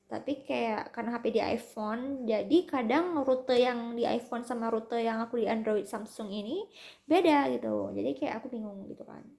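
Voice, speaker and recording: A woman's voice: on the high side, normal speed, vocal fry, dark tone. A young woman in her twenties telling a story in a casual vlog, chatty and slipping in English and German words. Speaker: vlogger.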